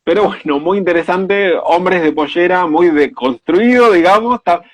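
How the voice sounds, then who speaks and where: A man's voice: sits high, normal speed, no room sound, lo-fi sound. A man with an Argentine accent chatting casually as a co-host. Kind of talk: casual chat.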